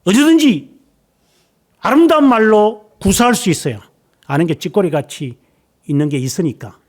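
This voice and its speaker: A middle-aged male pastor delivers a sermon in a high voice that rises and falls across a wide, animated range. He presses his listeners with rhetorical questions, then drops to a hushed near-whisper before rising again. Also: moderate pace. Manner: emphatic, fires rhetorical questions at the congregation.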